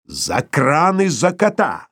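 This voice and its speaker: A man's voice: mid-range voice, huge pitch swings, a little mellow, slightly rough, dry recording, clean studio sound, pitched above the performer's own voice, full character voice. Man doing an imperious, ironic old professor. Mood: furious. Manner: measured, ironic, formal. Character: stately older male professor, ironic and imperious.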